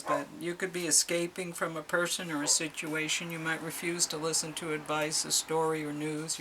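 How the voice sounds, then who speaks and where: A middle-aged woman with a low voice does a casual tarot reading, chatty and exclamatory as she reads the card meanings aloud over heavy background noise.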